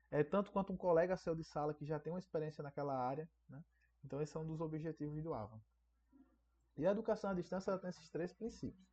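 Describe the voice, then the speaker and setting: A man's voice: on the high side, mellow. Chatty male teacher, lo-fi audio. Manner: conversational, frequent tag questions. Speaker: online course teacher. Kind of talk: recorded online class lecture. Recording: dull lo-fi audio.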